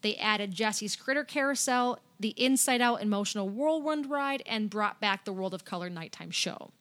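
Speaking in a medium-pitched, slightly bright voice at a moderate pace, a woman co-hosting a laid-back theme park podcast works through a list of news items. Her manner is upbeat and chatty throughout.

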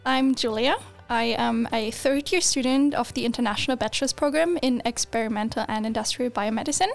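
A student guest in her twenties chats casually on a podcast, laughing often and filling her talk with fillers and restarts. Her voice is a little high, gravelly, and fairly quick, with faint music in the background.

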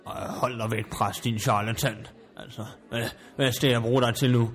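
A man's voice: mid-range voice, steady tone, close to an everyday voice. A man playing a haughty, snobbish country estate owner in an improvised comedy sketch, indignant and stammering when flustered.

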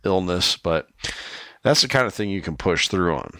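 A sick man with a nasal, gravelly voice, co-hosting a hunting podcast in a rambling casual chat with many restarts. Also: deep voice, expressive, moderate pace, pushed and bright, slight background noise. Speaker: podcast co-host. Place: rural home.

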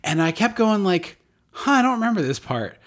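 A man co-hosting a podcast, chatting casually about a movie in a rambling, animated way. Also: sits high, normal speed. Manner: rambling, animated, puts on quoted voices. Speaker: podcast co-host. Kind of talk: casual movie-review chat.

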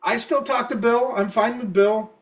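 A man's voice: extremely high pitch, normal speed, recorded from a distance. A drunk man co-hosting a podcast, rambling and heated, swearing constantly. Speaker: podcast co-host. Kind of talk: casual podcast rant.

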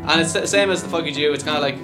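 A man's voice: on the high side, racing, loud music behind the voice. A man, a band musician guesting on radio, talking eagerly and stumbling over his words. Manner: enthusiastic, stumbling, many restarts. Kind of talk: casual interview chat. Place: radio studio.

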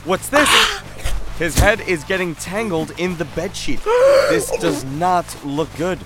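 A man voicing a sports announcer giving excited play-by-play in a comedy audio drama. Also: high voice, measured pace, very noisy. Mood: hyped. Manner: play-by-play commentary, building hype.

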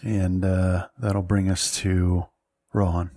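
Guy gm narrating slow, lots of ums, lowish voice. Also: level tone, dark tone. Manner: halting, with many fillers. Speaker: game master. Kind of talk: narrating a tabletop game.

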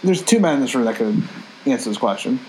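A man trading crude jokes and teasing his friends in a relaxed chat. His voice is mid-pitched. A faint hum sits behind him. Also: fast talker. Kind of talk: casual banter.

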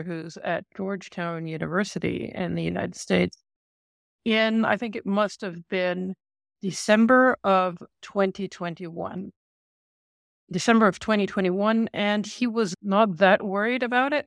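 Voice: mid-range voice, gravelly, no echo, studio quality. A podcast co-host who interviewed a researcher, explaining things in a thoughtful conversational way with some restarts.

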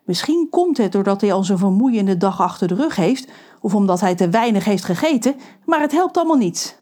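A woman with a mid-range voice narrates a children's audiobook at a brisk pace, telling the story in a lively, expressive way.

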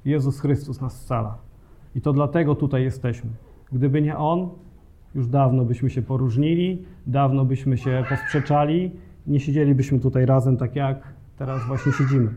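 A man's voice: medium pitch, normal speed, warm tone, a little hiss or hum. A man preaching a sermon, speaking earnestly and directly to the congregation with occasional hesitations.

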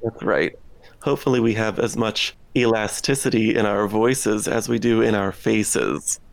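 A man with vocal fry, co-hosting a podcast in a conversational style about television. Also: lowish voice, unhurried, no room sound. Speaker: podcast co-host. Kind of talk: conversational TV discussion.

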